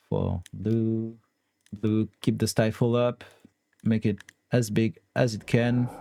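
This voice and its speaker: A young French-accented man streams a card game, thinking aloud as he weighs his plays online and laughing often. His mid-range voice is warm, with no room sound.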